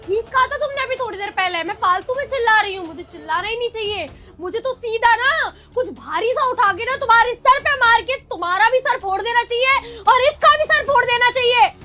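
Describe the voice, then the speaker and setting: High bright voice of a woman playing an angry wife. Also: fast talker, few pauses. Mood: furious. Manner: accusing, loud and emotional. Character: young wife, hurt and furious at husband. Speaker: wife in a family skit. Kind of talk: Hindi family skit acting.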